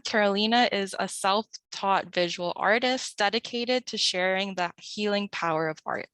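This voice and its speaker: A woman's voice: mid-range voice, bright, forceful tone, no room sound, poor audio. A woman hosting an event, politely introducing the guest speaker. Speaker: event host.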